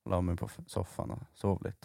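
A man's voice: low-pitched, creaky, no room sound. A man co-hosting a casual podcast chat, telling stories with lots of energy, acting out other people and laughing as he goes. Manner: animated storyteller, mimics others, laughs often. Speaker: podcast co-host.

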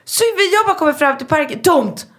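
Animated Swedish-speaking mother telling a story. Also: high-pitched. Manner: animated anecdote telling, acting out quotes; swears often. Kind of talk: casual storytelling chat.

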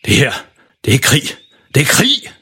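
A man voicing a stubborn, bumbling father who talks eagerly and bursts out loudly. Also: mid-range voice, wildly swooping pitch, slightly rough, heavily acted. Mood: determined. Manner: eager, loud outbursts, determined. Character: stubborn excitable middle-aged father, bumbling.

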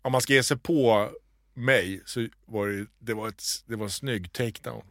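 A man co-hosting a podcast, telling a story in a casual, animated way and acting out the voices he quotes. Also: fairly low pitch, no room sound, studio quality. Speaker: podcast co-host.

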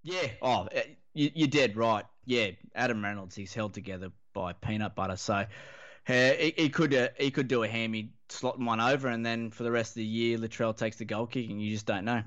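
A man's voice: medium pitch, brisk, fairly bright tone. A man with an Australian accent chatting casually about sport in a laconic, blokey, slangy drawl, as a podcast panellist. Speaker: fantasy rugby league podcast panellist. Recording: dull, lo-fi audio.

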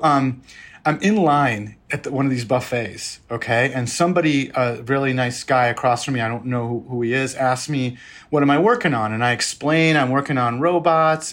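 A man's voice: mid-range voice, a bit bright. A man speaking as an expert guest in a conversational interview, explaining informally and acting out bits of quoted dialogue.

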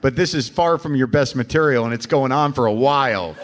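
A man's voice: medium pitch, a little fast. American man hosting a live comedy show. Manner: profane, informal. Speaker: podcast host, comedian. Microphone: stage microphone. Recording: live room with faint background noise.

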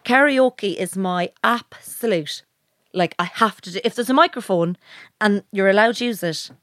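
A woman's voice: medium pitch, moderate pace, dry recording, studio quality. A woman telling rowdy, self-mocking stories in casual chat, laughing as she goes. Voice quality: lively and animated, laughing through stories.

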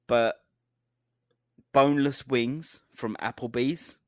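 A young English man co-hosts a podcast, joking and rambling about food with laughs in a casual chat. His mid-range voice stays fairly even and unhurried, and the studio recording is clean and dry.

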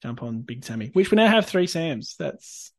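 A man's voice: mid-range voice, big pitch swings, moderate pace, dry recording. An Australian man hosting a podcast, chatting casually and informally about sport. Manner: informal, conversational. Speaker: podcast host.

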